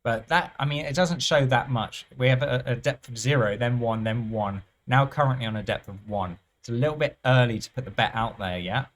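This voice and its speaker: A man giving thinking-aloud commentary over live roulette play, musing and unhurried, often trailing off and restarting his phrases. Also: medium pitch. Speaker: roulette strategy presenter.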